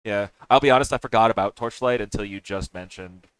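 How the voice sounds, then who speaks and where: Man, podcast chat, halting speech, smooth resonant voice, dry close sound. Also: fairly low pitch, fairly bright tone, dry recording. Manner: halting, many restarts and fillers, laughs often. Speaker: podcast host.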